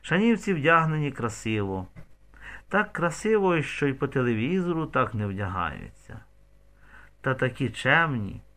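A man's voice: mid-range voice, sing-song, a little slow, a bit bright. A man narrating a novel as an audiobook, telling the story expressively with vivid shifts in tone.

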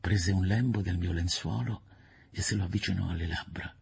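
A man narrating a classic novel in the first person, measured and somber, with a husky, gravelly voice. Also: low-pitched, a little mellow. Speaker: audiobook narrator. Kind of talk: literary audiobook narration.

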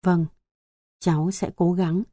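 A woman voicing a poor teenage student who speaks in a hushed, choked-up way in an audiobook. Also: lowish voice, flat delivery, takes it slowly, no room sound, studio quality. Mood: earnest.

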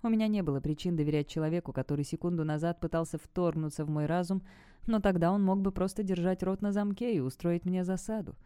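Woman audiobook narrator, low and mellow, tense first-person storytelling, close mic. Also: quick pace, smooth, no echo.

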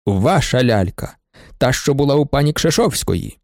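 A man reading aloud and voicing a stern, gruff, middle-aged judge who speaks in measured questions. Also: mid-range voice, animated, a little mellow, no room sound, studio quality, close to an everyday voice.

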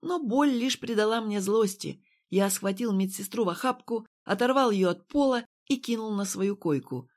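A woman narrating an audiobook in the first person. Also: mid-range voice. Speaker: audiobook reader. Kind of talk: scripted narration.

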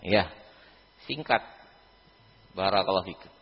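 Male mosque teacher, husky, lively, filler-heavy; dull lo-fi mosque recording. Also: low-pitched, a little slow, long reverb tail. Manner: lively, keeps repeating a pious filler phrase. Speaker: Islamic teacher. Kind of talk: mosque religious lesson.

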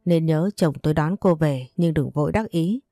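A woman's voice: low voice, normal speed, warm tone, dry recording, clean studio sound, soft background music, lightly acted. A woman doing a domineering mother-in-law. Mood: furious. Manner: scolding, domineering, insulting. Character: harsh older mother-in-law, domineering and furious.

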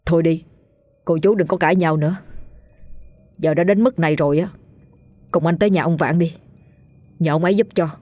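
A woman's voice: low-pitched, brisk, long pauses, warm tone, dry recording, faint music behind. A woman voicing a burly, blunt village man who barks and scolds, in an audio ghost story. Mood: gruff. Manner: barking, scolding.

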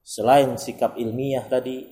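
A man's voice: medium pitch, flat delivery, measured pace, warm tone. Emphatic male preacher, echoey room. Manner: emphatic, acts out everyday dialogue; sprinkles Arabic phrases. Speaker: Islamic preacher. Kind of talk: religious study lecture.

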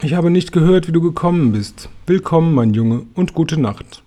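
A man reading a storybook, voicing a calm, unhurried female glow-worm who speaks slowly and coolly. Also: a little high, pitched above the performer's own voice, lightly acted. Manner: slow and cool.

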